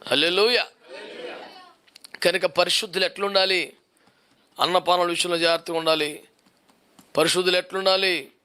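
A man's voice: high voice, fairly even intonation, moderate pace, long pauses, sharp tone, smooth. A male pastor preaching a sermon, driving his points home with repeated rhetorical questions.

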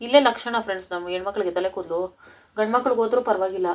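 A woman's voice: mid-range voice, rapid-fire, far from the mic, lo-fi sound, faint music behind. A woman with a rural Karnataka Kannada accent, chatting casually to her viewers as friends in a home cooking vlog. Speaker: home vlogger. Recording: roomy home room, off-mic, faint noise.

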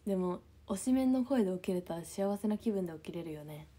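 A young woman chatting casually on a livestream just after waking, with a slightly low, husky voice that often drops to a near-whisper. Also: expressive, quick pace, mellow. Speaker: idol livestreamer reading comments.

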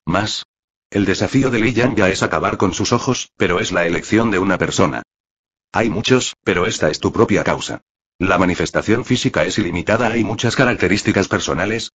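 Deep husky male narrator, lo-fi. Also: fairly bright tone. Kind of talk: reading a translated web novel aloud. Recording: dull lo-fi audio.

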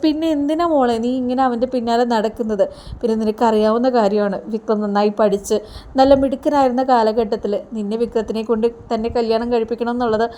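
A woman's voice: a little high, a little mellow, lightly acted. A woman voicing a worried middle-aged mother pleading with her daughter to give up on a man. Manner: pleading, lecturing.

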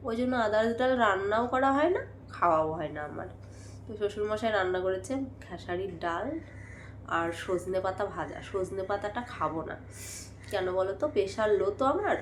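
A young woman with a Bengali accent chatting casually in a home vlog, worn out and coughing, her voice going hoarse. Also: mid-range voice, roomy sound, a little hiss or hum. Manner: chatty, rambling, tired. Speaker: vlogger. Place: at home, indoors.

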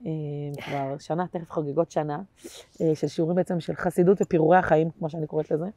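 A woman comedian chatting as a guest in an interview, telling animated stories that swing between loud bursts and quiet asides, with plenty of slangy fillers. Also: deep voice, no room sound. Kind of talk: casual interview chat.

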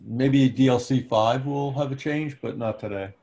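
A man's voice: mid-range voice, moderate pace, a little mellow. A man with a New Jersey accent, chatting as an attendee in a webinar question session. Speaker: audience member, sales representative. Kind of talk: webinar question-and-answer chat. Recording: noisy remote call with clicks.

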